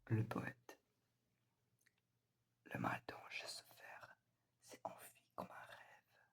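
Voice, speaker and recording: A woman giving a whispered ASMR poetry reading, soft, breathy and quiet as if late at night, reciting deliberately with pauses. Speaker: reader of poetry.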